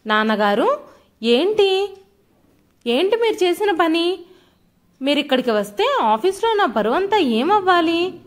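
A woman's voice: high voice, very animated, moderate pace. Woman doing a scornful angry young son. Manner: harsh, scornful. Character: arrogant, angry young office-worker son.

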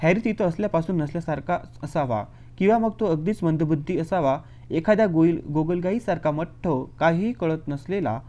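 A man reading an audiobook who voices a snappish middle-aged aunt in a higher, louder, scolding tone. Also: moderate pace, few pauses, lightly acted. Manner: scolding, exasperated.

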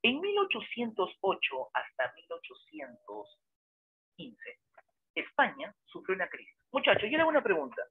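Dramatic male history teacher, raised pitch, husky tone, questions the class as he tells the story. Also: wildly swooping pitch, moderate pace. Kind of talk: lively classroom lecture. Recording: dry, tinny phone-like sound.

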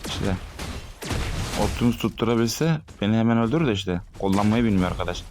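A young man in his twenties from Turkey talks over his own shooter gameplay in a low-pitched voice. He is excitable and swears, and he bursts out loud at the enemies he sees. Game gunfire sounds clearly behind him. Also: brisk, noisy background. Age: 20s. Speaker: gaming streamer. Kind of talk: live gameplay commentary.

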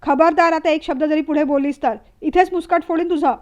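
A woman's voice: high-pitched, fairly quick, dark tone, lightly acted. A woman voicing a tired, stern husband who barks harsh orders. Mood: furious.

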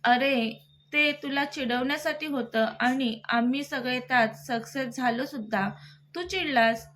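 Playful young male best friend read by a woman, joking, teasing, high voice, story reading. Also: unhurried, fairly bright tone, a little hiss or hum.

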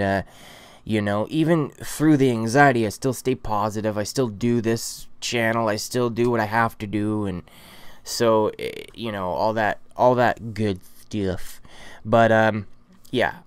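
Rambling chatty man, smooth low voice. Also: no echo. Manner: chatty, rambling, many fillers and restarts. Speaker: vlogger. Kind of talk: rambling casual vlog.

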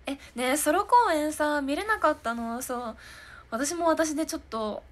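A fairly bright, high-pitched voice at a moderate pace belongs to this young idol in her twenties. Hosting a live stream talk show, she chats casually with viewers about their comments and giggles and laughs frequently.

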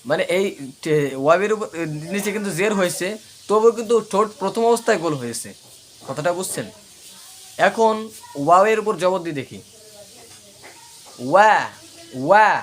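A man's voice: high-pitched, lively intonation, a little fast, pauses often, a little hiss or hum. A man with a Bangladeshi Bengali accent teaching Arabic letter pronunciation, repeating syllables in drills and checking whether listeners follow. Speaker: Quran recitation teacher.

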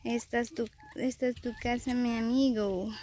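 Holding her phone behind the camera, a Guatemalan Spanish-accented vlogger chats and informally interviews people outdoors in a rural hillside yard. She speaks at normal speed in a high, warm voice with fairly even intonation, and the recording picks up lots of outdoor noise.

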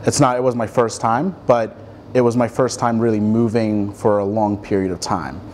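A man's voice: on the low side, steady tone, moderate pace, darkish tone, slight background noise. A man in his twenties, raised across Africa, answering interview questions thoughtfully with many ums and restarts in a studio. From Ethiopia, raised across Africa. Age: 20s. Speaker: guest artist. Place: dim studio with armchairs.

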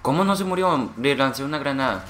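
A man giving excitable gameplay commentary, swearing and making gun noises. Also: medium pitch, fast, a little hiss or hum. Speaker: gamer playing a shooter.

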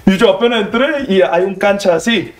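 A young man with a Korean accent, a Korean native speaker, telling animated stories as an interview guest in simple learner's Spanish and acting out the scenes. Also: brisk. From South Korea. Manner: acts out scenes, jumps high for quoted lines, broken learner's Spanish.

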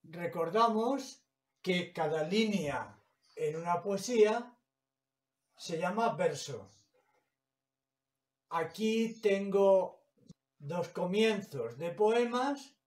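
Slow, patient teacher with a high voice. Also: male voice, expressive, darkish tone. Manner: slow, patient, broken into short phrases. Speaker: primary school teacher. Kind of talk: explaining a lesson. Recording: echoey room, mic far off.

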